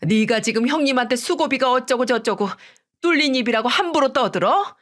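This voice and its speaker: A woman's voice: fairly high pitch, animated, normal speed, fairly bright tone, voice pushed up. Woman putting on a scolding older mother-in-law.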